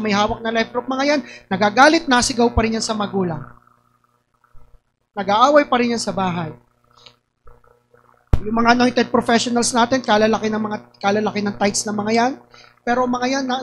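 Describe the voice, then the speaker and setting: A woman's voice: on the high side, rough recording. A young woman pastor from Batangas with a Batangas accent, preaching and telling stories, often raising her voice to act out quotes. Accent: Batangas Tagalog. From Batangas, Philippines. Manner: lively storytelling, often raises her voice in acted quotes. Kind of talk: sermon.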